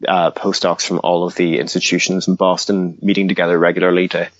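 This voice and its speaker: A man from Northern Ireland, raised in the Scottish Highlands, answering interview questions in a hesitant way, full of ums and restarts. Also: level tone, a little fast, no room sound, lo-fi sound. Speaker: guest, research advocacy director. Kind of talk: interview conversation.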